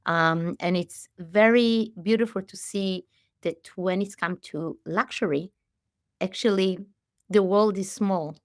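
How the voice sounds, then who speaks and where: A woman in her late forties, originally from Israel, answering interview questions as a company head, speaking with frequent pauses, fillers and restarts. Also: mid-range voice, dry recording, studio quality. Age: 40s. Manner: warm, halting, many fillers and restarts. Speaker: CEO and guest. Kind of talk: conversational interview.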